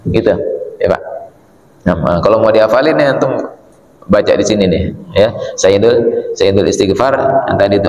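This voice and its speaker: A man giving a relaxed, conversational religious study talk in a mosque and answering questions from the congregation. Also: medium pitch. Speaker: religious teacher. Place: mosque hall. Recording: echoey mosque hall with long reverb.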